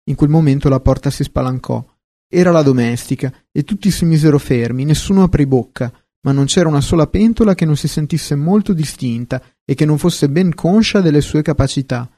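A man narrating a fairy tale in a measured, expressive way, recorded close to the mic. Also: a little high, no echo. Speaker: audiobook narrator.

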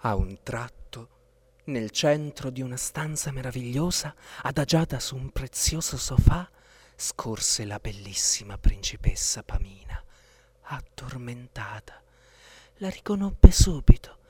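A man reading a children's story aloud, expressive and sometimes dropping to a whisper for suspense. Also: mid-range voice, measured pace, slightly rough.

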